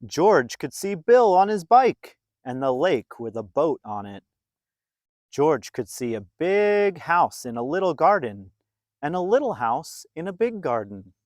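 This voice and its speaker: Reading a story aloud to young children, a man plays it up with dramatic emphasis and drawn-out words, keeping it playful and expressive. His voice is on the high side, and the studio-quality recording has no echo.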